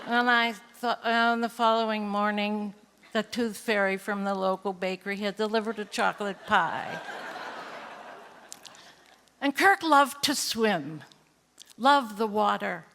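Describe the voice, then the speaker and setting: Slow, older woman telling a wry story. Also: medium pitch, fairly bright tone, in a large hall, slight background noise. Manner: wry, laughing, self-correcting asides. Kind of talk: live stage storytelling. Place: theater stage before an audience.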